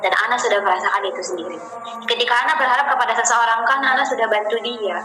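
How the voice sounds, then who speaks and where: A woman with a fairly high voice leads a relaxed Islamic study talk and keeps calling her listeners friends. She speaks gently and often repeats her words. The sound is roomy, with music playing behind her. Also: fast talker. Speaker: ustadzah leading a religious study session.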